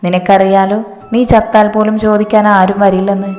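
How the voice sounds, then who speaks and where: A cruel young husband who barks orders and sneers at his wife, voiced by a woman reading a story. The delivery stays even and flat, and the voice rings in an echoey room with faint music behind. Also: mid-range voice, fairly quick, close to an everyday voice. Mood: threatening. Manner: harsh, threatening, mocking. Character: abusive bullying young husband.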